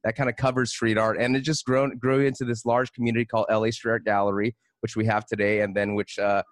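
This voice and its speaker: A man co-hosts a casual podcast in a mid-pitched voice. He talks in a laid-back, slangy way and often stops to restart his sentences. The recording is dry and close. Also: flat delivery, fast talker, dry recording. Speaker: podcast co-host.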